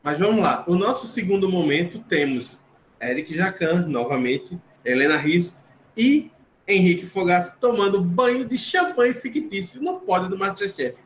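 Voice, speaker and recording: A man's voice: sits high, expressive, normal speed. A male host leads a casual podcast with chatty, joking recaps. His voice sits in a roomy, echoing space. A faint background hiss runs under it. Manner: chatty, recaps with jokes and asides. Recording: roomy echo, faint noise.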